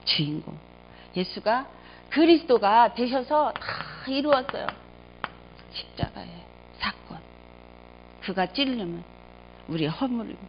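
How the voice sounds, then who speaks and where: Fervent woman pastor preaching. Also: a little hiss or hum. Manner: emotional storytelling, swings between loud exclamations and quiet low asides. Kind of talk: sermon. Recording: dull lo-fi sound.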